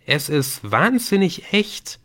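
A man reading a curious teenage girl in a raised, lively, wondering voice. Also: on the high side, takes it slowly, voice pushed up, exaggerated voice.

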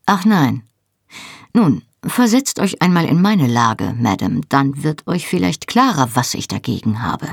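A cold, measured army captain questions his captive with sarcastic patience, as a woman narrator puts him on. The voice sits low and husky, with a gravelly edge. The recording is close and dry. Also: big pitch swings, no echo, heavily acted. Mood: cold, stern. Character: stern, sarcastic male army captain interrogating. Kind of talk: audiobook reading.

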